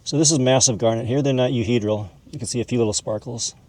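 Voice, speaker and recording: He talks fast in a mid-range, somewhat mellow voice. As host of a laid-back educational video, this mineral hobbyist educator demonstrates and explains in a homey, conversational style, calling things "this guy."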